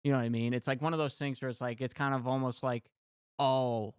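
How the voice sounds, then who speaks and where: A man talks casually as a panelist on a golf show. His th sounds come out as f. The voice sits at a medium pitch in a very dry recording. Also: steady tone, very fast, clean tone, dry recording. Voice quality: says th sounds as f.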